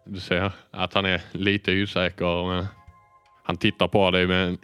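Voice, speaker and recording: Game master, male, low voice, easygoing and hesitant, bone-dry sound. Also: smooth, dry recording, faint music behind. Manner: relaxed, hesitant narration with fillers. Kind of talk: narrating a tabletop game.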